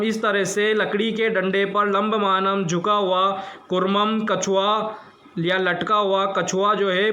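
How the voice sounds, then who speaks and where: A male teacher with a high, bright voice works through a text at an unhurried pace. He reads a line, translates it word by word, and asks the class about the grammar. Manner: explains grammar with questions to the class.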